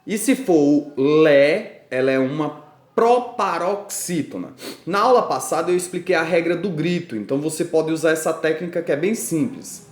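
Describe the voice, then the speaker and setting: Brazilian man, classroom teacher giving a grammar lesson, animated pitch and a slightly high voice, patient and emphatic, echoey room. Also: normal speed. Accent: Brazilian Portuguese. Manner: patient, stresses syllables loudly in examples.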